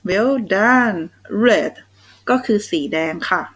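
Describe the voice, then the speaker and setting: A woman's voice: medium pitch, lively intonation, brisk, a bit bright, rough recording. A young Thai woman teaching children English phonics, sounding out letters one at a time and praising them. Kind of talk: slow, patient phonics lesson for kids.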